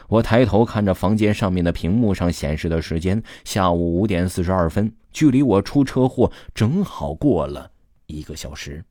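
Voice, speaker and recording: Man reading a story aloud, low and expressive voice, mellow tone, dry close sound. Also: normal speed, no echo. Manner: sorrowful, storytelling delivery with frequent erhua endings. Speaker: audiobook narrator. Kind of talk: first-person story narration.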